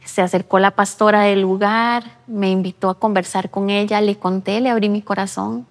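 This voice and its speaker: A woman's voice: mid-range voice, steady tone, normal speed. Woman telling her faith story, earnest, in a church, lots of reverb. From Costa Rica. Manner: earnest storytelling, re-enacting her own past words. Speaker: interviewee giving a testimony. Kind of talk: personal faith testimony. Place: church interview set. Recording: long reverb of a large room.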